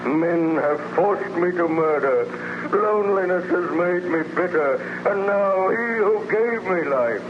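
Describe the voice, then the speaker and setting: A man's voice: sits high, lively intonation, unhurried, few pauses, highs cut off. An actor playing a bitter, anguished, lonely man-made monster in solemn, declamatory 1930s radio drama style. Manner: declamatory, solemn, theatrical, formal phrasing. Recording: noisy, band-limited 1930s radio recording.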